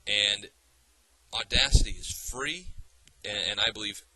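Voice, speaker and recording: A man teaching a software tutorial, explaining patiently step by step with small fillers and restarts. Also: lowish voice, measured pace, slight background noise, poor audio. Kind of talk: screencast tutorial.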